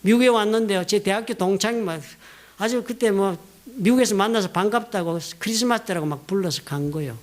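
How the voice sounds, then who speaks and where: A middle-aged man from South Korea, a pastor preaching a sermon in a church, telling personal stories with lively emphasis. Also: fairly quick. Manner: storytelling, animated, rising emphatic pitch, quoting others. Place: church sanctuary.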